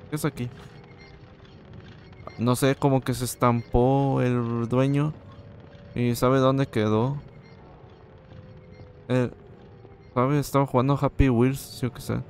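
A man's voice: medium pitch, darkish tone, a little hiss or hum. A young man with a Mexican accent commentating a horror game, cracking slangy jokes. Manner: joking, slangy, yelps when scared. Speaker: gaming host. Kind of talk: horror let's-play commentary.

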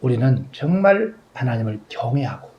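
A male pastor preaching a sermon, telling a childhood story and acting out the voices of his father and his younger self, moving between loud exclaims and soft trailing asides. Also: mid-range voice, sing-song, normal speed, muffled recording, a little hiss or hum.

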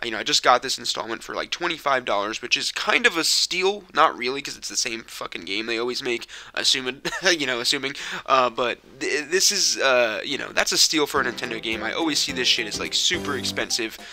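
A man's voice: medium pitch, animated, fairly quick, few pauses, bright, forceful tone, no room sound. A man who is a little sick, rambling casually and swearing often as he hosts a let's play from his home gaming setup. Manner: rambling, profane, self-deprecating. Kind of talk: casual gameplay commentary. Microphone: mic hooked into a capture card. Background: video game music.

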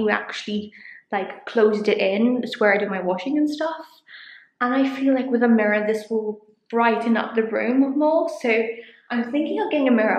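Chatty woman with a higher voice. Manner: chatty and rambling, with frequent ums and likes. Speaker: vlogger. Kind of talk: casual home tour vlog. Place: small room in a home, indoors. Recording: echoey small room.

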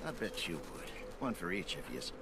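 A man's voice: sits low, big pitch swings, moderate pace, background noise. An actor playing a sly, boisterous saloon huckster with theatrical showman patter in a western video game. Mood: sly, wheedling.

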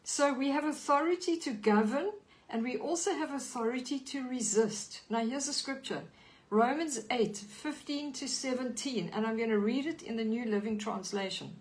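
A woman with a South African accent preaches an earnest teaching sermon over a live stream. Her voice sits a little high, and she reads scripture aloud as she teaches. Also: moderate pace, rough recording.

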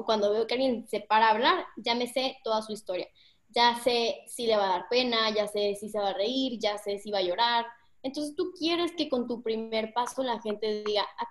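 Chatty young Mexican woman coaching. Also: fairly high pitch. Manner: chatty, slangy, addresses the audience directly. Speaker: public speaking coach. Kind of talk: casual online workshop talk.

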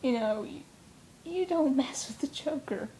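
Young woman, comic fan co-host; rambling, giggly, slightly high, faint rumble behind. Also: expressive, measured pace, warm tone. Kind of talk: casual chat.

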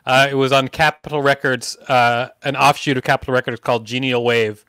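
A man's voice: medium pitch, steady tone, brisk, bright, forceful tone, smooth, dry recording. A man hosting a podcast, asking curious questions in a chatty, self-deprecating way. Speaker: podcast host. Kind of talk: casual podcast chat.

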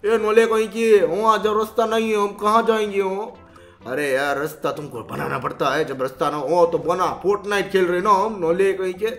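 A man doing excited gameplay commentary, switching between playful cartoon character voices. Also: high-pitched, normal speed, soft background music. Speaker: gaming YouTuber.

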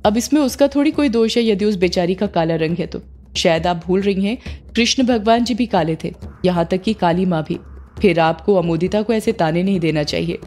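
A woman's voice: mid-range voice, darkish tone, lightly acted. A woman doing an earnest, protective young man.

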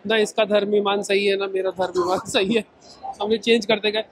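High-voiced chatty man filming himself outdoors. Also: brisk, slight background noise, poor audio. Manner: chatty, excitable cricket talk. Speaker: vlogger. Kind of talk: casual vlog chat. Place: outdoors in a stadium stand and a street. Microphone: action camera at arm's length.

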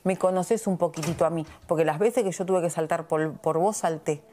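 A woman's voice: on the low side, a little fast, dark tone. Insistent Argentine woman arguing. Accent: Argentine Spanish. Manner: insistent, keeps asking "¿entendés?". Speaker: reality show contestant. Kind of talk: heated face-to-face argument.

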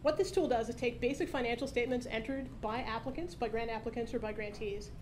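Woman, thirties, quick upbeat product demo, fairly high voice, podium mic on a stage. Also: fairly even intonation, a little mellow, a little hiss or hum, rough recording. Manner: brisk, explanatory, upbeat. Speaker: startup founder presenting a product demo. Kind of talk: live product demo presentation. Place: conference stage at a meetup, indoors. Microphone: podium microphone.

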